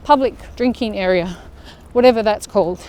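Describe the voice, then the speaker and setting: An Australian fitness vlogger leads a walking workout, chatting casually as she strolls through an outdoor park. Her mid-range voice is warm and comes at a normal speed. A little hiss or hum is audible.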